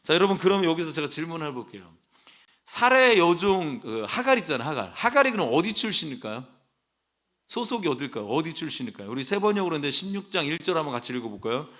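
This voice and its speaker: A man's voice: on the high side, sing-song, fast talker, fairly bright tone. A male pastor preaching a sermon in a church, talking conversationally with the congregation, asking them questions and adding playful asides. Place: church sanctuary.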